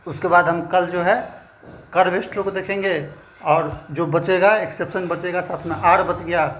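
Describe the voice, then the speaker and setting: A man teaching a shorthand class, explaining slowly and checking in with "theek hai" after every point. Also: sits high, fairly even intonation, fairly bright tone, slight background noise. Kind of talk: classroom lesson.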